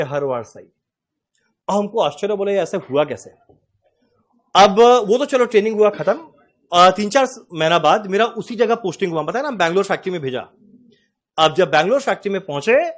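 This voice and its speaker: High-voiced male teacher telling stories. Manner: animated anecdotes, acts out dialogue. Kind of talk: classroom lecture with storytelling.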